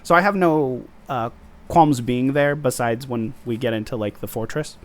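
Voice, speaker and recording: A man's voice: mid-range voice, moderate pace. A man hosting a casual review podcast, talking animatedly and mocking quoted lines in put-on voices. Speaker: podcast host.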